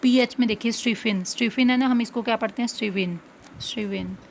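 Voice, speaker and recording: A woman's voice: fairly high pitch, fairly even intonation, fast, a little hiss or hum. A woman English teacher explaining phonics step by step, asking questions and then answering them herself.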